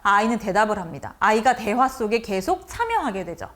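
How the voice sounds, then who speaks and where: A woman's voice: medium pitch, brisk. A woman lecturing teachers on how to talk with students, often acting out the lines of teacher and child. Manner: lively, acts out teacher and child lines in a changed voice.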